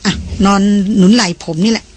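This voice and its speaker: A reader voicing a calm, protective young man in an audiobook, speaking evenly in a gentle, reassuring way with a husky tone. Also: brisk, close to an everyday voice. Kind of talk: audiobook dialogue reading.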